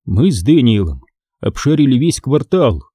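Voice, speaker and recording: A man reads a children's spooky story aloud with a lively, rising and falling delivery. His voice is very dark and husky. It is recorded close and dry, with no room sound. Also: mid-range voice, normal speed, no echo. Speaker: audiobook narrator. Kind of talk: storybook narration.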